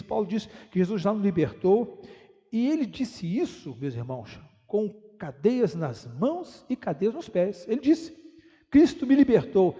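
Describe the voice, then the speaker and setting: High-voiced pastor preaching in a church hall. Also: male voice, dark tone. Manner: storytelling preacher, rhetorical questions, draws out key words. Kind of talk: sermon. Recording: dull sound with long hall reverb.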